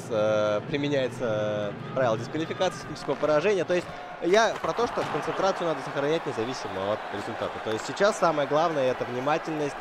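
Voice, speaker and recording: A man giving live esports hockey commentary in a conversational, analytical way, with frequent hesitations. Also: fairly high pitch. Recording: noisy venue with crowd behind the voice. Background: crowd and venue noise.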